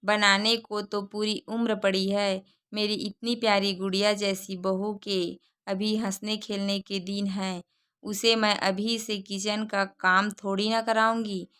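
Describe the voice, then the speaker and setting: A woman voicing a gentle, loving mother-in-law. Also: medium pitch, level tone, measured pace, smooth, close to an everyday voice. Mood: affectionate. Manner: gentle, sweet-toned. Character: kind, affectionate middle-aged mother-in-law.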